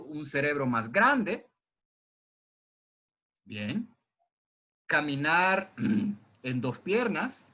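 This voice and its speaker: A man teaching a zoology class by video from home, talking to his students in a relaxed, conversational way and answering his own questions. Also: a little high. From Honduras. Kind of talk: recorded online class lecture. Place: indoors at home during heavy rain. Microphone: computer microphone.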